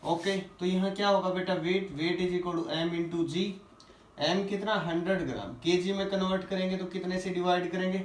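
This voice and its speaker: A male physics teacher going through quiz questions, asking the class questions and answering them himself, reading English questions slowly before explaining. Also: sits high, level tone, recorded from a distance. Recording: echoey room, voice a little off-mic.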